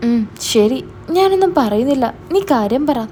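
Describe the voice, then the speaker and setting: A stern older brother, read by a woman in her own voice, presses hard with suspicious questions. The tone is mellow and dark rather than bright, sitting slightly high, with a faint hiss behind it. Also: expressive, moderate pace. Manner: stern, interrogating.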